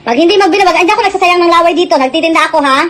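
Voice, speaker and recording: High-voiced bossy woman selling live. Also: rapid-fire, a bit bright. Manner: scolding, bossy sales patter. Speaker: mock live seller. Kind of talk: comic live-selling skit.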